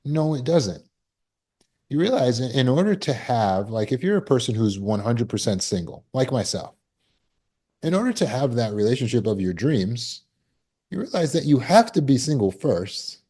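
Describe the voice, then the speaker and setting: A man's voice: mid-range voice, big pitch swings, normal speed, dark tone. A man giving a conversational self-help talk as a trauma recovery coach, acting out scenes and quotes as he goes.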